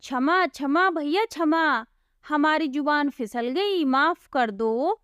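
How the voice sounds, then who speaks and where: A woman's voice: high-pitched, takes it slowly, a bit bright, dry recording, clean studio sound. A woman voicing Gabru, a simple-hearted young village laborer, talking earnestly and pleading.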